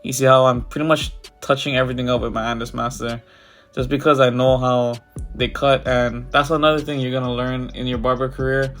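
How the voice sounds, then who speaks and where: This barber's mid-range voice is fairly bright yet flat, moving fairly quickly and sounding stuffy because he has a cold. Over soft background music, he gives a loose, casual haircut walkthrough packed with fillers.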